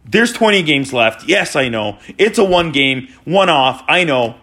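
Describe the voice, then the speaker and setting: A man in his forties ranting exasperatedly as a hockey fan after a loss, sometimes shouting. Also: on the high side, lively intonation, measured pace. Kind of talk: post-game fan rant.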